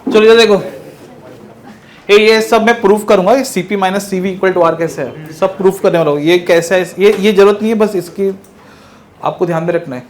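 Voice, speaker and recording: A man teaching a physics lecture, lively, firing rhetorical questions at his students and answering them himself. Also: high-pitched, moderate pace. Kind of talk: classroom lecture.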